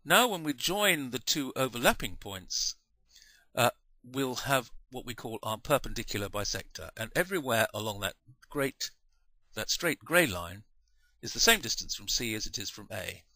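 A man explaining a maths lesson in a patient, measured way, correcting himself now and then. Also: mid-range voice, big pitch swings, sharp tone, no echo. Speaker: maths teacher.

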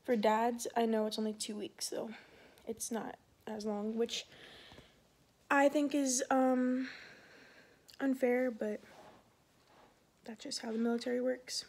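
Young woman, twenties, slightly high, warm flat delivery, rambling vlog chat, short of breath. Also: takes it slowly, pauses often. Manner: rambling, many fillers like "like" and "um". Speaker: Air Force security forces member.

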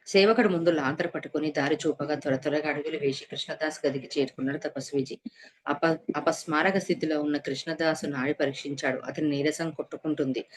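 A woman narrating a devotional story in a steady, measured reading voice. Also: deep voice. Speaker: reader of a devotional serial. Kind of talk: scripted narration.

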